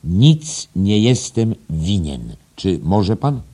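A man's voice: low voice, sing-song, very slow, dark tone, slightly rough, voice pushed up, exaggerated voice. A man doing a pompous old schoolmaster. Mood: proud. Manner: preachy, self-satisfied, emphatic.

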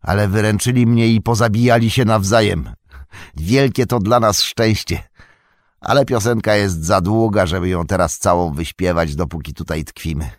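A man's voice: fairly low pitch, moderate pace, dry recording, clean studio sound, voice pushed up, close to an everyday voice. A man voicing a loyal, sturdy male hobbit servant who speaks in a hearty, folksy, deferential way.

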